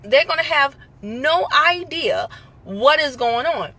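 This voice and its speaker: A woman's voice: sits high, expressive, slow, pushed and bright. A woman with a Southern American accent hosts a casual live stream, giving an emphatic pep talk that repeats its points and acts out little phone calls. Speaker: motivational live-stream host.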